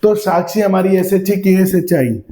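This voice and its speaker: A man's voice: sits high, moderate pace, dark tone, reverberant. A man teaching a grammar lesson to a class, explaining by asking questions and repeating simple examples.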